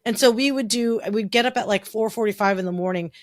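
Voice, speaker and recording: A woman's voice: a little high, fast talker. Chatty woman podcast co-host. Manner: chatty storyteller with frequent restarts. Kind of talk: casual chat.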